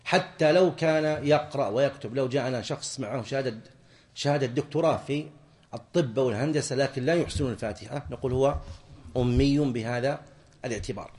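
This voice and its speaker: Man teaching a deliberate lesson. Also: medium pitch, a little mellow. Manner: deliberate explaining, quizzing students with quick questions. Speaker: sheikh teaching jurisprudence. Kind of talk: classroom lesson on Islamic law.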